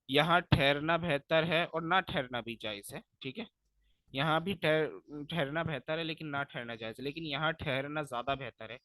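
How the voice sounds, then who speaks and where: A young man from Pakistan teaches Quran recitation in a fairly high, bright, forceful voice, explaining each rule patiently step by step. He then draws out the recited words slowly and loudly, and the close, dry sound has no room echo.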